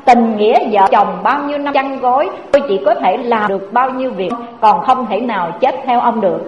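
A woman's voice: a little high, brisk, lo-fi sound, natural voice. A woman voicing a tearful, pleading wife in a sermon parable, in an echoey hall. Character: tearful, loyal-sounding wife, adult woman. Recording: echoey hall with faint ambience.

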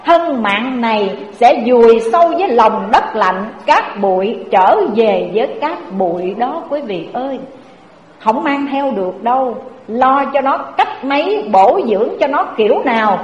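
A woman's voice: on the high side, expressive, measured pace, highs cut off, a little hiss or hum. A woman giving an earnest Buddhist sermon, telling a parable and turning to her listeners again and again. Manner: earnest, addresses the audience directly again and again. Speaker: Buddhist preacher. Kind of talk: sermon with storytelling. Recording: echoey hall with faint ambience.

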